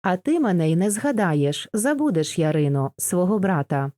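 A lovesick young Cossack, earnest and sorrowful, speaking gently, as a woman reads his part. The voice sits low and mellow, recorded close and dry. It sounds like a storybook audiobook. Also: big pitch swings, normal speed, dry recording.

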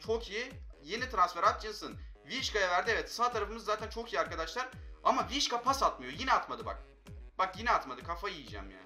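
A young man commentating his own mobile football match, excitable and quick to vent frustration at his players. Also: sits high, faint music behind. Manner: excitable, frustrated outbursts at teammates. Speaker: gaming channel host.

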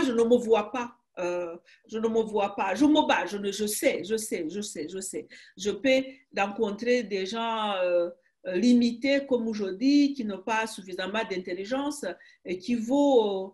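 A Rwandan writer in her sixties, speaking French with a Rwandan accent, is interviewed conversationally over a webcam video call from a room in her home. Her mid-range voice is animated, and she speaks haltingly and emphatically, often restarting phrases.

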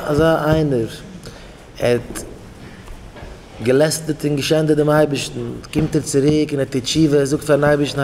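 Fervent male preacher in a reverberant hall. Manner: fervent, swings between loud pleading and hushed low tones; repeats phrases in chant-like refrains. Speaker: rabbi teaching young married scholars. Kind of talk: impassioned sermon. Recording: long hall reverb, faint background noise.

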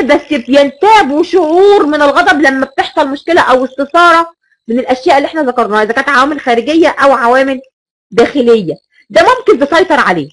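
A woman's voice: sits high, low-quality recording. A woman with an Egyptian Arabic accent giving a recorded lecture, stressing key words and repeating rhetorical questions.

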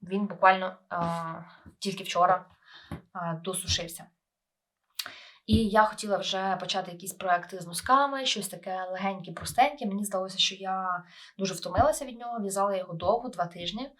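A Ukrainian woman vlogging casually about her knitting, talking in a relaxed, chatty way with many hesitations while slightly ill. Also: medium pitch, brisk. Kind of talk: casual vlog talk.

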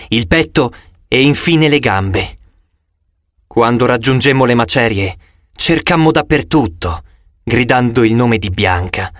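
A man reading an audiobook aloud in a dramatic, expressive way. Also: mid-range voice, no room sound, clean studio sound. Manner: dramatic, expressive reading with sudden loud cries. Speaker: audiobook narrator. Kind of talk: scripted audiobook narration.

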